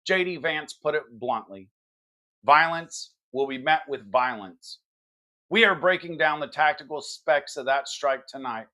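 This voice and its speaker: A man's voice: fairly high pitch, animated, unhurried, sharp tone. A man hosting a political podcast, delivering commentary in an emphatic, combative manner. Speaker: podcast host.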